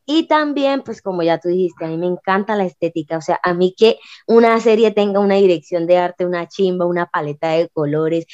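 A woman's voice: fairly low pitch, a little fast, a little mellow, dry recording, lo-fi sound. A Colombian woman co-hosting a podcast, talking casually and emphatically with plenty of informal slang. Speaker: podcast co-host. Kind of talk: casual, chatty podcast talk.

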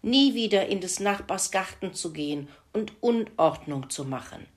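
A woman's voice: mid-range voice, animated, normal speed, voice pushed up, natural voice. A woman voicing a grumbling, good-natured male farm pig in a children's story, with a whiny, complaining manner.

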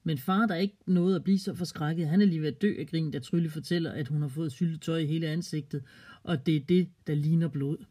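A storyteller narrating a children's story in a calm, gently expressive way. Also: mid-range voice, slightly rough.

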